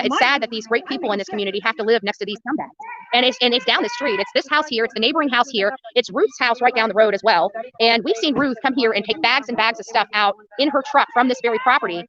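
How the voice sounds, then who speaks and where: An American woman with a slightly high voice rants bluntly and combatively to her livestream viewers, repeating phrases for emphasis. She's a livestream host and protest activist, and the sound is lo-fi.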